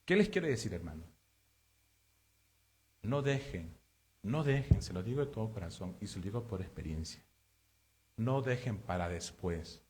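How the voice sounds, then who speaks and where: Preacher with lively bright delivery. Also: male voice, on the low side, moderate pace, pauses often, a little hiss or hum. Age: adult father of three. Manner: swings between loud emphatic preaching and hushed confessional storytelling. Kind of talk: sermon.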